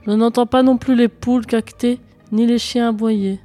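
A woman's voice: a little high, fairly even intonation, normal speed, dark tone, faint music behind, close to an everyday voice. A woman voicing a determined young hero, speaking earnestly and resolutely in a storybook reading. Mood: curious. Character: determined young hero, a boy grown to a man.

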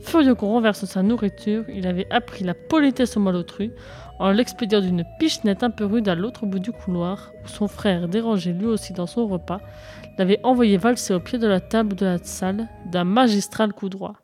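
A woman narrating a children's story in a lively, expressive read-aloud manner. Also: medium pitch, moderate pace, soft background music.

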